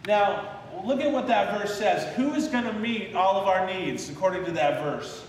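Guy pastor preaching, kinda high voice, booming echoey hall, picked up from far off. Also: normal speed. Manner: leads the congregation in call-and-response, repeating a memory verse. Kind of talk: sermon. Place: church sanctuary. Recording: echoey church hall from a distance.

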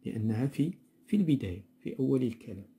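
A man with a Moroccan accent teaching a grammar lesson from a textbook, explaining slowly and repeating words. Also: medium pitch, big pitch swings, warm tone, breathy edge. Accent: Moroccan Arabic. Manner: explanatory, repeats words slowly, mixes dialect with standard Arabic.

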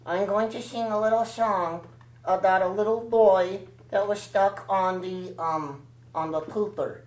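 A man's voice: high-pitched, steady tone, unhurried, roomy sound, rough recording. A man voicing a cheeky eight-year-old boy ventriloquist dummy who cracks rude little jokes. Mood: sassy.

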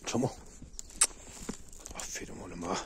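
A man vlogging outdoors near a valley, calmly coaxing and commanding his dogs with short soothing words. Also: unhurried. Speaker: dog owner vlogger. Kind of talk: casual outdoor vlog. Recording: noisy outdoor recording. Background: dogs barking.

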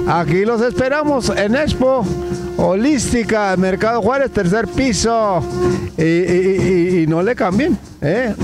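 An older man hosts a casual interview in a large indoor hall, talking into a handheld mic. His voice sits high, and he is chatty, stopping often on fillers. Loud music plays behind him. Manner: chatty, hesitant with many fillers. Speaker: host.

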